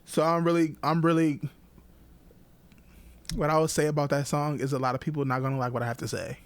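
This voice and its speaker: A young man co-hosting a podcast, talking casually and haltingly with frequent restarts and laughs. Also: on the high side, little pitch movement, dry recording. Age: young adult. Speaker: podcast co-host. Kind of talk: casual chat.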